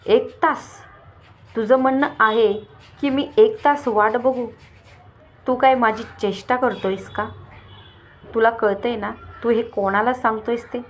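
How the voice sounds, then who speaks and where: A woman voicing a haughty young woman who shouts insults at a rival in a read-aloud story. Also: medium pitch, unhurried, a little hiss or hum, natural voice. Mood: scornful. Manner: shouting, contemptuous.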